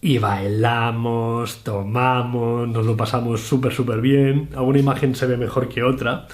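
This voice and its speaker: A man's voice: medium pitch, flat delivery, a little slow, a little hiss or hum. A man from Spain, telling an anecdote about his first solo trip in a casual, self-mocking way, with many restarts. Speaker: travel vlogger. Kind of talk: casual storytelling.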